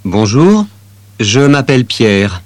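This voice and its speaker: A calm teenage boy tells his story in a slow, plain way. The voice sits in a middle range and comes across dry and close. It sounds like a scripted language-course recording. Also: medium pitch, no echo. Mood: steady. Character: young French teenage boy telling about languages. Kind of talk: scripted listening-exercise reading.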